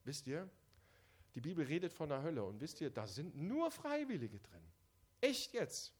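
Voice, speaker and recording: A man preaches a sermon, speaking right to his listeners. His voice sits a little high and moves a lot, dropping quiet and then pushing loud for emphasis. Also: big pitch swings, moderate pace, breathy edge. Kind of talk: evangelistic sermon.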